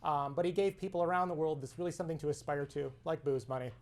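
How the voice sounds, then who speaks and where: A woman's voice: low voice, steady tone, quick pace, darkish tone. A woman hosting a comedic cocktail show, chatty and explaining each step. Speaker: host.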